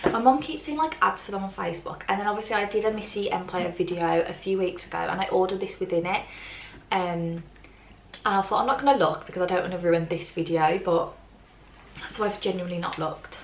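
A lowish, fairly quick female voice: a young British vlogger in her twenties rattles through a casual try-on haul, stuffed with fillers like "like". The camera mic is far across a plain grey bedroom, leaving a roomy echo, a slightly off-mic voice, faint ambience, and a little hiss or hum.

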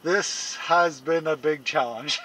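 Chatting casually to camera, a man from Canada in his forties keeps a slow, easygoing pace and a bright, fairly high voice, laughing frequently and drifting along with plenty of fillers. He first talks into a close handheld camera out in the snow, then moves into a small tent where a fixed camera sits a few feet back.

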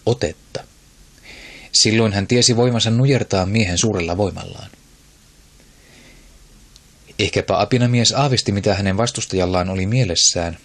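Deep, husky male audiobook narrator. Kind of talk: scripted narration.

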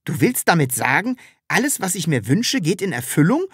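Woman playing a timid grown man, earnest, easily flustered, lively, dry close sound. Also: on the low side, moderate pace, no echo, voice pushed up. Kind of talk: audiobook character reading.

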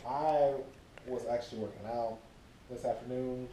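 A man's voice: mid-range voice, fairly even intonation, moderate pace, rough recording. A young man bantering on camera with a friend, sheepish and mumbling, with a lot of swearing. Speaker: friend of the host. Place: messy apartment.

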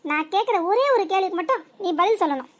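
A woman voicing a sharp-tongued old village mother-in-law in a cartoon, with a southern Tamil Nadu accent. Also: very high-pitched, animated, quick pace. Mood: stern. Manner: scolding, mocking, dramatic.

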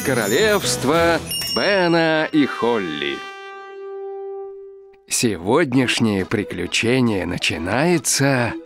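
A man's voice: medium pitch, sing-song, takes it slowly, long pauses, music in the background. A man giving scripted narration for a children's cartoon.

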